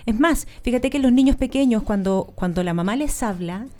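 Warm-voiced Chilean woman explaining. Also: fairly high pitch, normal speed, faint music behind. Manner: animated, explanatory. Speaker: guest speaker. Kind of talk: casual interview chat.

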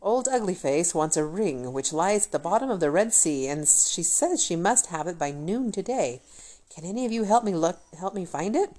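A woman's voice: on the low side, expressive, moderate pace, warm tone, close to an everyday voice. A woman voicing a courteous, earnest young prince in a fairy tale.

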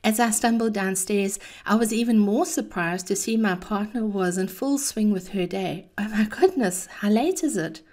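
A woman's voice: mid-range voice, moderate pace, few pauses, a little mellow. A woman hosting a chatty, encouraging monologue with personal anecdotes, speaking in a theatrical, cheeky manner. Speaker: podcast host.

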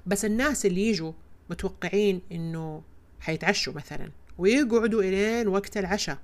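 A woman speaks on her podcast in a personal, reflective way. She talks quickly and emphatically, pressing her points with repeated words. Her voice sits at an ordinary middle pitch. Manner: fast, expressive, emphatic storytelling. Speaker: podcast host.

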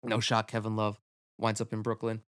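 A man's voice: lowish voice, completely flat delivery, moderate pace, dry recording. Casual rambling man on a dry mic. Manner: rambling, loose, swears freely, lots of "like" and "um". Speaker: podcast host. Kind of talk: casual solo sports podcast.

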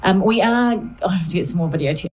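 A woman's voice: lowish voice, lively intonation, fast, darkish tone, slight background noise. A woman with a broad New Zealand accent hosting a radio talk show in a chatty, informal way. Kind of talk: casual interview chat.

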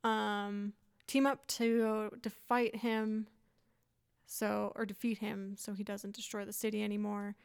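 A woman's voice: medium pitch, level tone, a little slow, gravelly, smooth. Wry woman teasing in podcast chat. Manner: wry, teasing, plain-spoken. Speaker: podcast co-host. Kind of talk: casual movie chat.

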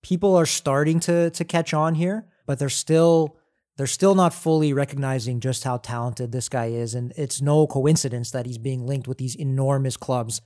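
A man's voice: medium pitch, fairly even intonation, moderate pace, a little mellow. A man hosting a casual sports podcast, upbeat and chatty, laughing easily. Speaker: podcast host.

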